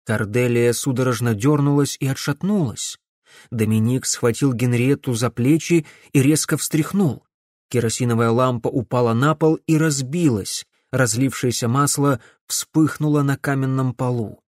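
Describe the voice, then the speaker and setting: Man narrating a dark fantasy audiobook. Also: mid-range voice, no room sound, studio quality. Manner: measured storytelling.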